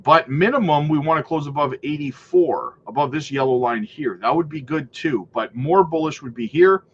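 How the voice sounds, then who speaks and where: Upbeat despite a stuffy cold, a man hosting a crypto livestream goes over price charts and greets his chat, often ending lines with "right?" or "man." The pitch is fairly high and the pace moderate, with dull audio and a little hiss or hum.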